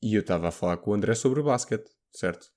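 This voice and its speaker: A young man with a fairly low voice tells a story in a casual chat. He is lively and jumps into other people's voices, with plenty of everyday fillers along the way. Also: fast talker.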